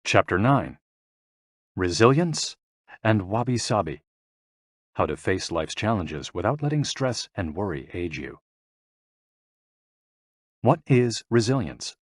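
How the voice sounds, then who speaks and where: Low-voiced man reading an audiobook. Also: no echo, studio quality. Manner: calm, measured reading of instructions and explanations. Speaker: audiobook narrator. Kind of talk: scripted audiobook narration.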